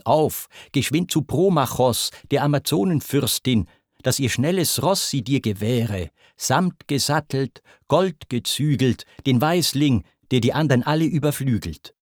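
Guy reading old rhyming verse, really slow and even, super dry close sound. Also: medium pitch, dry recording. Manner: measured, rhythmic rhymed delivery. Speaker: reader. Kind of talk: recitation of verse poetry.

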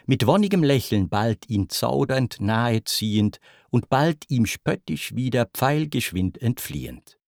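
Guy reading old rhyming verse, really slow and even, super dry close sound. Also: medium pitch, creaky, no echo. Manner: measured, rhythmic rhymed delivery. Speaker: reader. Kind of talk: recitation of verse poetry.

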